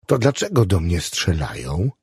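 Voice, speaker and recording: A man playing a weary young airman, low quiet voice, flat delivery, husky, dry sound. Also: moderate pace, no room sound, heavily acted. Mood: calm. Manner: quiet, flat, matter-of-fact. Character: calm, weary young male bomber airman.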